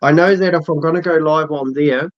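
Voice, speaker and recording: A man's voice: on the high side, steady tone, brisk. A man with a broad New Zealand accent chatting casually as an interview guest, in a laid-back, slangy way. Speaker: interview guest, social media creator. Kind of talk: casual chat. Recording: dull, muffled lo-fi audio.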